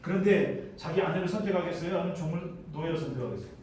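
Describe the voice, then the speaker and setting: A man's voice: a little high, quick pace, a crowd in the background. A male pastor preaching a sermon at a school chapel service, telling the story dramatically. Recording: echoey hall from far off.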